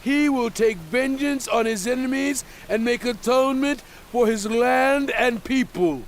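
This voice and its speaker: An actor playing Moses as a solemn prophet in a dramatized scripture reading, declaiming in deliberate phrases. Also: male voice, very high voice, a little hiss or hum. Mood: commanding, triumphant.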